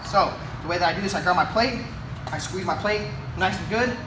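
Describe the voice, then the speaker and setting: A young fitness coach with a high-pitched, brisk voice talks through a chest workout as he lifts in a weight room, coaching with plenty of energy. Room noise fills the distant audio, captured by a camera mic from a few feet away.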